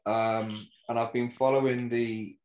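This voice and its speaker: A man in his forties co-hosting a podcast, talking haltingly with many fillers. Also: medium pitch, little pitch movement, a little mellow, roomy sound, low-quality recording. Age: 40s. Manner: halting, full of fillers and restarts. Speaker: podcast co-host. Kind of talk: casual podcast chat.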